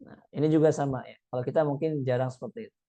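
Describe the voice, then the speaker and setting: A man teaching Quran recitation, reading Arabic text aloud, then explaining it in a conversational way with frequent fillers and slow, drawn-out examples. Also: medium pitch, fairly even intonation, dark tone.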